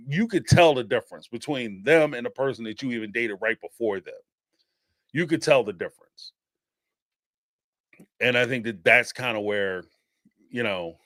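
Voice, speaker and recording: This man has a mid-range voice and there's no echo on the recording. He hosts a live-stream show, taking call-ins in a Philadelphia accent from the Northeastern US, and talks casually, animated and rambling, with frequent laughs and many fillers.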